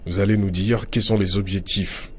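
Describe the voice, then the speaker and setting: Deep-voiced radio host. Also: male voice, husky. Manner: energetic announcer, halting with fillers. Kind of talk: radio interview.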